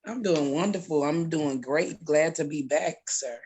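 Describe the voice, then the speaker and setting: A woman's voice: low voice, measured pace, darkish tone, breathy edge. A woman co-hosting a casual live show, teasing and peppering her talk with churchy exclamations. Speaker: co-host. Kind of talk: casual live-stream chat.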